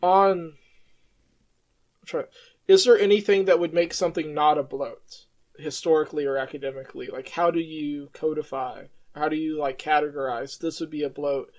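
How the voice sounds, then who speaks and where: A man's voice: fairly high pitch, fairly even intonation, normal speed, a little mellow. A man hosting an interview in a casual, rambling way, stammering and laughing between thoughts. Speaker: podcast host.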